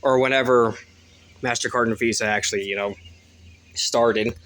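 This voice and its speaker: On a rural delivery route, a man films a casual phone vlog outdoors at a moderate pace, with slight background noise. His talk is rambling and profane, with lively pitch changes.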